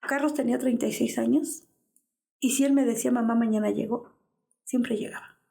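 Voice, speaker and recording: A woman's voice: fairly high pitch, fairly even intonation, fairly quick, gravelly, mellow. A woman in her fifties with a Mexican Spanish accent, giving an interview as the mother of a missing man and telling an anguished story that acts out the dialogue. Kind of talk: personal testimony in an interview.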